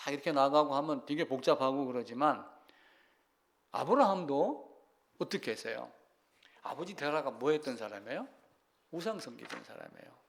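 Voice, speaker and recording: A male pastor preaching a sermon in a conversational way, asking the congregation questions and swinging between loud emphasis and quiet asides. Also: mid-range voice, vocal fry.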